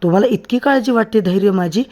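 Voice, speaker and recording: A man's voice: sits high, fast talker, a little mellow, close to an everyday voice. A man reading a teasing young woman. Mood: teasing, pleading. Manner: pleading, teasing.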